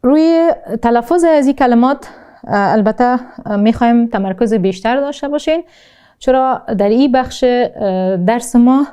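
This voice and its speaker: A woman with an Afghan Dari accent teaching a recorded language lesson, slowly repeating each word twice and explaining with frequent hesitations. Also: fairly high pitch, expressive, mellow, clean tone. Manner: slow, deliberate pronunciation drills, repeating each word twice. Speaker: Arabic teacher.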